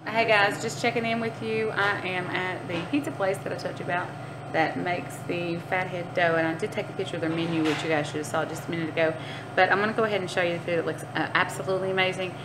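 Speaking quickly in a lowish voice with fairly even intonation, a woman talks to her viewers vlog-style and addresses them as "guys." The chat is casual and informal, caught on a phone held at arm's length in noisy amateur footage.

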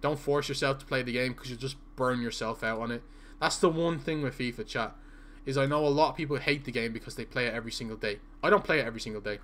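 A young man with an Irish accent chats casually with his live-stream viewers as he plays, reading their messages aloud and sometimes stuttering. His voice is medium-pitched, fast and fairly bright, and he's in a small indoor room.

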